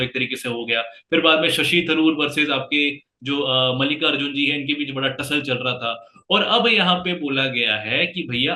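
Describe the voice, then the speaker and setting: A man's voice: fairly high pitch, bright, forceful tone, roomy sound. A man teaching a current affairs lesson in a chatty, casual way, calling his viewers brother and friends.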